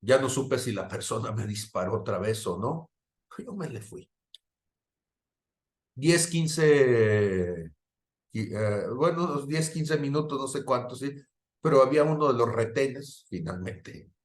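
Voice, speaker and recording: A man preaches in a dramatic way, rising loud and falling quiet. His voice sits in the middle of the range for a man. The room is echoey. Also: medium pitch, animated, unhurried. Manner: dramatic, swings from loud to hushed, asks "¿sí?" often. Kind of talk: sermon with personal testimony. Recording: roomy echo.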